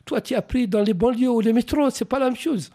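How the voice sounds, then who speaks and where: Very high-pitched yet dark in tone, the voice belongs to a Mauritanian novelist, a native Arabic speaker. He answers radio interview questions thoughtfully and reflectively, frequently pausing and beginning sentences over.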